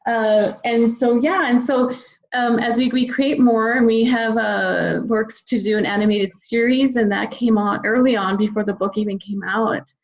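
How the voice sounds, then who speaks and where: On a podcast, this talkative, enthusiastic middle-aged children's book author from the United States discusses her work at length as a guest in a conversational interview. Her voice is a little high, with fairly even intonation, and she speaks a little slowly. The audio sounds dull.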